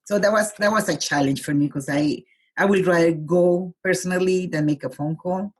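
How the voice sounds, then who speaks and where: Laughing easily, a woman in her forties who was born in Colombia talks reflectively as a guest in a casual interview. She has a husky, lowish voice and keeps a moderate pace.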